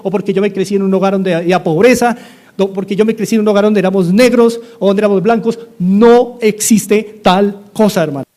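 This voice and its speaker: In a studio-like radio sermon, a middle-aged man with a Colombian accent preaches as a pastor. His voice sits high with a darkish tone, and he keeps earnestly repeating his calls to his listeners.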